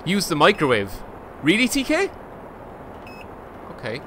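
Animated, sardonic Irish man streaming a game. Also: fairly high pitch, measured pace, a little hiss or hum. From Ireland. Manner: sardonic, sweary. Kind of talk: casual live game commentary. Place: indoor room, streaming setup.

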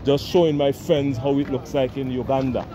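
Filming himself at arm's length with a selfie camera, a Caribbean man in his forties strolls a crowded village market, chatting in a relaxed, slow way to the lens and to people passing by with friendly hellos. As a travel vlogger, he keeps his mid-range voice fairly even, and street sounds fill the background.

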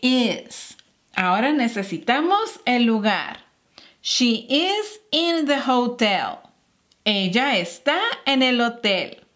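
A woman leads a beginner language lesson at a very slow, deliberate pace. Her fairly high voice swings widely in pitch as she sounds out each phrase with care. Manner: slow, carefully articulated model phrases. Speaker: English teacher.

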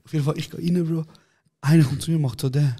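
A man with a slightly higher voice co-hosts a relaxed podcast chat. He tells animated, slangy anecdotes and laughs often. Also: fast talker, husky. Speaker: podcast co-host. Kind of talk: casual chat, storytelling.

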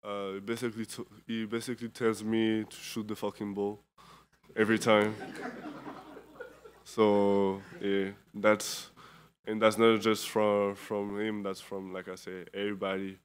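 A tired young man in his twenties from Europe, a basketball player answering postgame press questions at a table microphone, halting and full of fillers and restarts. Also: on the low side, little pitch movement, clean tone. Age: 20s. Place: indoor press conference room.

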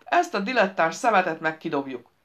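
A woman's voice: fairly low pitch, very animated, fairly bright tone. Woman reading as a rude bossy lady barking orders, audiobook. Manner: bossy, insulting.

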